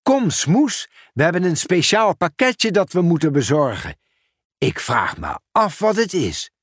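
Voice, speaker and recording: A man's voice: a little high, big pitch swings, unhurried, no room sound, clean studio sound, pitched above the performer's own voice. A man reading a storybook aloud, voicing a cheerful, dutiful postman in a slightly raised, eager voice.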